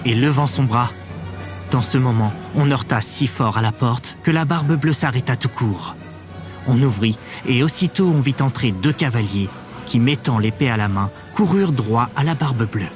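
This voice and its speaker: A man narrating a fairy tale in an expressive, measured storybook reading. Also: medium pitch, faint music behind.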